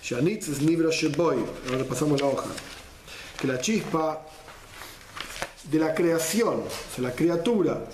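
A man's voice: a little high, measured pace, long pauses, a little hiss or hum. Man teaching in an echoey room. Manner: lively explainer, mixes Hebrew quotes with Spanish gloss. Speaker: Torah class teacher. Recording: roomy echo.

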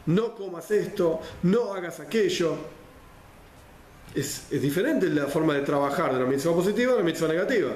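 A man's voice: a little high, expressive, moderate pace, a little mellow. A man with a Rioplatense Spanish accent giving a Torah class, explaining step by step, repeating phrases and mixing in Hebrew and Yiddish terms. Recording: roomy echo, faint background noise.

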